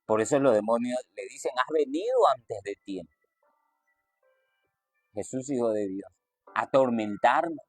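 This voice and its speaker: A man preaching a sermon, reading scripture and stressing quoted lines with sudden lifts in pitch. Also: lively intonation, measured pace, long pauses, husky, no room sound, soft background music.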